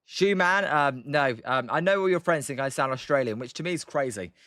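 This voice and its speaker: Fairly quick and lively in intonation, this medium-pitched, fairly bright voice belongs to a young British streamer. He comments casually on a game between chat replies, rambling and hesitant with plenty of ums and uhs, recorded cleanly in a studio with no echo.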